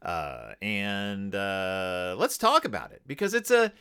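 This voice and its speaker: A man's voice: lowish voice, wildly swooping pitch, slow, bright, forceful tone, clean tone. A man hosting a podcast, chatting casually and comically about a children's book, rambling and correcting himself as he goes. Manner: rambling, digressive, self-correcting. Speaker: podcast host. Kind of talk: casual comedic book review.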